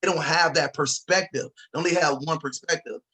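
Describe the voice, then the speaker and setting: A man's voice: a little high, a little fast, sharp tone, slightly rough, rough recording. A young man, a former college athlete, speaking emphatically in a panel discussion and checking in with his listeners.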